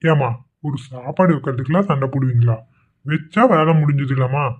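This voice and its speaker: A man voicing a loving, easygoing young village husband in a cartoon, talking in a soft, coaxing way. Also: medium pitch, a little fast, phone-quality sound, lightly acted.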